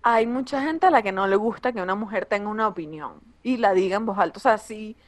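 A young woman comedian with a Venezuelan accent, talking casually and bluntly, swearing freely in a relaxed conversation. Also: medium pitch. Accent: Venezuelan Spanish. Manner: blunt and profane, quick asides.

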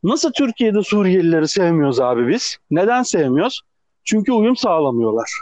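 A man's voice: sits high, normal speed, dry recording. A man with an Ankara accent telling stories in casual podcast chat, acting out the people he quotes. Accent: Turkish, Ankara. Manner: animated, acts out quoted people. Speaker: podcast co-host. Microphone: phone. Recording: dull lo-fi phone recording.

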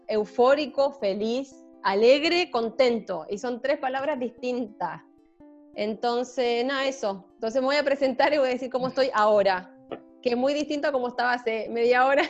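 A Chilean woman with a Chilean accent chatting casually with friends, talkative and self-deprecating with lots of fillers. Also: high-pitched. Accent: Chilean Spanish. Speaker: band member introducing herself. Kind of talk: casual group chat. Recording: slightly muffled, faint guitar music behind.

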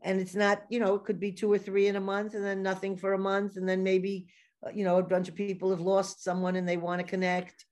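A New York-accented podcast host chats through a casual interview, telling stories and laughing a lot. Her voice is medium in pitch, brisk and a little mellow, yet her delivery is completely flat.

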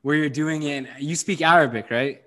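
A man's voice: a little high, brisk, pushed and bright. A man hosting a podcast interview, laid-back and slangy as he asks questions. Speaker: podcast host. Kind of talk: casual interview chat.

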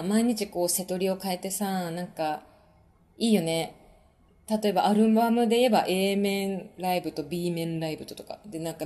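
Chatty woman hosting a live stream. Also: mid-range voice. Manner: chatty, relaxed, many fillers, laughs often; reads out viewer comments and answers them. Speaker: podcast host and musician. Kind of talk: casual live-stream chat with listeners.

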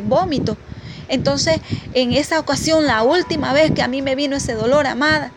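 Fervent woman preaching over music. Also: high-pitched. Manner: fervent, addresses listeners as "amadas". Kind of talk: testimony sermon. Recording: music playing clearly behind.

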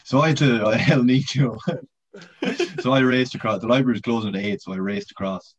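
A man with a low, deep voice chats casually as a podcast guest and winds through a long, rambling story with swearing and laughs along the way. The audio is dull and lo-fi. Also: fast. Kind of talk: casual chat.

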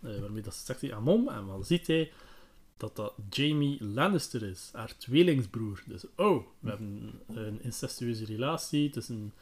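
On his podcast, a man casually recounts a book, pausing frequently and leaning on filler words. He talks at a moderate pace in a normal mid-range pitch.

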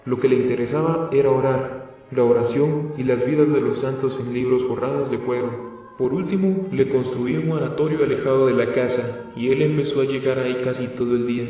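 A calm, courteous vampire man who has lived for centuries, voiced by a male reader, speaking politely and without hurry. The voice is dark and mellow, set back from the mic in an echoey, roomy space. The sound is dull and lo-fi, with faint music underneath. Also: mid-range voice, recorded from a distance, close to an everyday voice. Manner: polite, confiding, unhurried.

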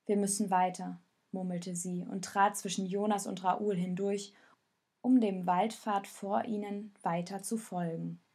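A woman calmly narrating a storybook in measured audiobook style. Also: medium pitch, slightly rough.

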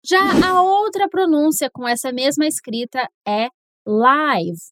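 High, upbeat Brazilian woman teaching pronunciation. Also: animated, dry recording. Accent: Brazilian Portuguese. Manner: upbeat and encouraging, slows down to model English words. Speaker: English pronunciation teacher and podcast host. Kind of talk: podcast pronunciation lesson.

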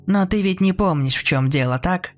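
A man's voice: sits high, moderate pace, soft background music, lightly acted. A man voicing a cold, taunting adult brother who mocks his sibling in a horror story reading. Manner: mocking and sneering.

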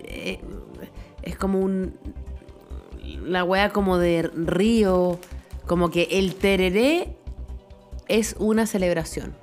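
Co-host chilena, segura y divagante, mucho garabato, voz algo grave con música tenue detrás. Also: female voice, fairly low pitch, steady tone, takes it slowly, pauses often, a little mellow, soft background music. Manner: confident, rambling, slangy. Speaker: podcast co-host. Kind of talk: casual chat.

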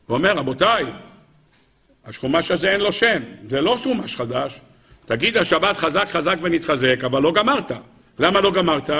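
A rabbi giving an animated Torah lecture, firing rhetorical questions at his listeners. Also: fairly high pitch, husky.

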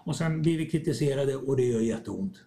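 Reflective man with a mellow voice. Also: medium pitch, lively intonation. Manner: reflective, acts out little dialogues. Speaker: podcast guest. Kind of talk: conversational podcast talk.

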